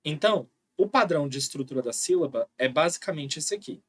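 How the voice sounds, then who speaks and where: A man's voice: a little high, lively intonation, a little fast, a bit bright. A man giving an online phonology lesson, explaining patiently and often checking in with "tá?". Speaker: linguistics teacher.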